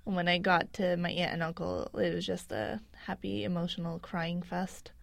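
A woman, a podcast guest, telling a personal story in an earnest, pausing way with fillers. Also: lowish voice, little pitch movement, gravelly, no echo.

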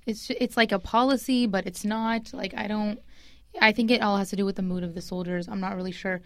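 A woman's voice: mid-range voice, fairly even intonation, dry recording. A woman co-hosting a casual podcast discussion, speaking firmly and emphatically, with frequent agreement. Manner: firm, emphatic, quick to agree.

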